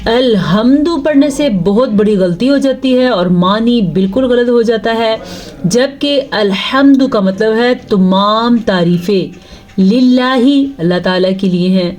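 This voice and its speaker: A woman teaching Quran pronunciation, patiently explaining rules between slow drawn-out recitations. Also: fairly high pitch, a little mellow. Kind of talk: tajweed lesson with recitation.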